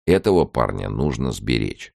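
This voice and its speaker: An earnest, persuasive professor, as a male audiobook reader puts him on. The voice is lifted somewhat above the reader's very deep, gravelly natural tone and moves lively in pitch. It is recorded close and dry. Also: normal speed, dry recording, full character voice. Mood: pleading. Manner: persuasive, eager.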